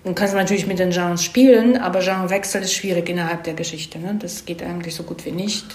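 In an echoey room, a woman being interviewed about her screenwriting talks fast in a low, darkish voice with fairly even intonation. Her explanations are casual, and she regularly tosses in "ne?" to invite agreement.

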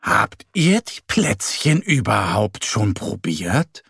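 A man voicing a calm, sensible mother bear in a children's story who speaks patiently and slowly. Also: lowish voice, gravelly, breathy edge, no echo, clean studio sound, heavily acted. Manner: patient, gently questioning.

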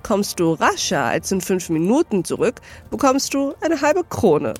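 A woman voicing a gleefully reformed elderly male miser with an excited, chuckling delivery in an audiobook reading. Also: mid-range voice, a little slow, slightly rough, soft background music.

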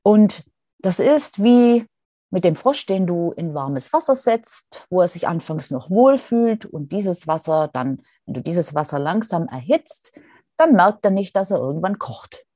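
Mellow-voiced woman hosting a reflective podcast. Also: lowish voice, lively intonation, no room sound, clean studio sound. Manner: thoughtful, addresses listener directly, many pauses and fillers. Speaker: podcast host. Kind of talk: reflective solo podcast talk.

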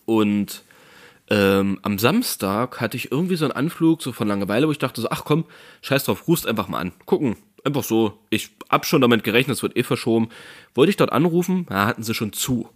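A man's voice: mid-range voice, lively intonation, fairly quick. A man telling a story in casual chat, acting out phone calls with raised voices.

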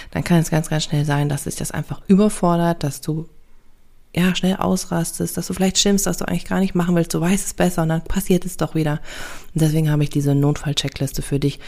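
A woman's voice: low voice, warm tone. A woman talking as a parenting coach and podcast host in a casual, reassuring way, often tagging her sentences with little confirming words. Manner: conversational, reassuring, fillers like ja and ne.

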